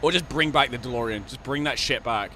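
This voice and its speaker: Sweary Scottish streamer, bright voice. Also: male voice, mid-range voice, fairly quick, slight background noise. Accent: Scottish, Glasgow. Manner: rambling, heavy swearing, frequent laughter. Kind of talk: casual live-stream chat while gaming.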